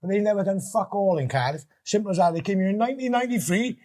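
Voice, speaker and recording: A man's voice: high-pitched, fast talker, a little mellow. A man arguing casually and bluntly, insistent and sweary. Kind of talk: heated casual argument.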